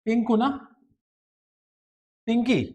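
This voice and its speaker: A man's voice: very high voice, steady tone, slow pace, mellow. A man from India teaching an accounts lecture, coaxing students with constant questions and mixing terms into his talk. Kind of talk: classroom lecture.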